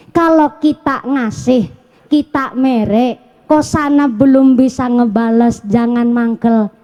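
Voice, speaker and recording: High-voiced woman preacher with a Banyumasan lilt. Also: darkish tone. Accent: Banyumasan Javanese. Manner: storytelling with rhetorical questions to the audience. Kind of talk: humorous sermon.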